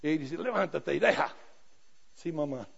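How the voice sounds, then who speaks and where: Gravelly high-voiced older man preaching. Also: expressive, measured pace. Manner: storytelling with self-deprecating humor, swinging from soft to loud. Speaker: pastor. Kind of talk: sermon. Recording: dull lo-fi recording.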